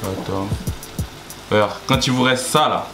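A man's voice: on the low side, measured pace. Young man cooking in an echoey kitchen. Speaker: co-host of a home cooking video. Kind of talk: casual cooking chat with instructions to camera. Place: small tiled home kitchen, indoors. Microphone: camera at about arm's length or further. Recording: echoey kitchen, music and frying behind.

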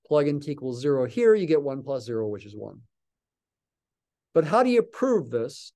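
In a small office, an older man records a calculus lecture at his desk, patiently thinking aloud as he writes. The math lecturer's voice is mid-range and dark in tone, very animated, and delivered at a normal speed.

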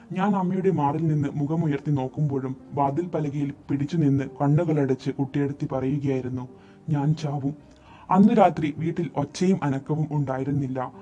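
A man reading a short story aloud as narrator, telling it in an expressive, dramatic way. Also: a little high, moderate pace. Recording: dull lo-fi recording, faint music behind.

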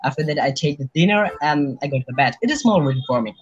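A man's voice: on the high side, expressive, fast, slightly rough, lo-fi sound. A teenage boy from Bangladesh, a student guest answering questions politely in simple English over a video call, often saying "sir". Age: teens. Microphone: webcam on video call.

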